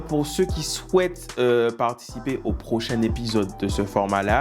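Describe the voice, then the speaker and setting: A man's voice: fairly high pitch, a little mellow. A man hosting a reaction video, reading viewers' dating stories aloud with teasing, mock-outraged asides.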